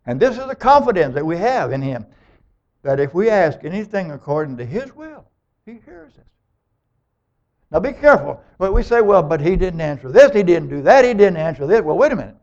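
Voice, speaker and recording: Animated high-voiced male preacher. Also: a little fast. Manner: animated, emphatic, acts out scripture dialogue. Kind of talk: sermon. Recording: dull lo-fi recording.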